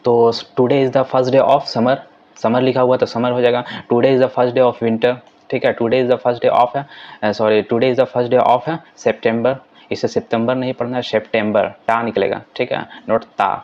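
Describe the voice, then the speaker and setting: Slow, flat-voiced man teaching English. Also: mid-range voice, dull audio. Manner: reads English sentences slowly, explains quickly in Hindi; repeats "ठीक है" as a filler. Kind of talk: explaining English lessons in Hindi.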